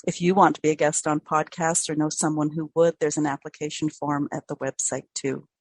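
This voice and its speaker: An older woman hosts a podcast in a lowish voice, upbeat and friendly. Her voice sounds close and dry, with no room echo, as she moves briskly through the interview and the sign-off. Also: flat delivery, darkish tone, slightly rough. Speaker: podcast host.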